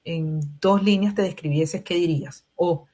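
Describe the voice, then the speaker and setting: A Venezuelan woman acting out a polite female recruiter running a short phone screening, with brisk, formulaic questions. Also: lowish voice, warm tone, close to an everyday voice.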